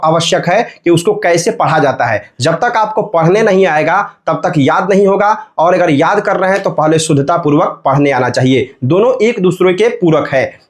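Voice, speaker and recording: A man teaching how to read and memorize Vedic mantras, explaining patiently and chanting the syllables slowly and drawn out. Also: high-pitched. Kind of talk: recitation lesson.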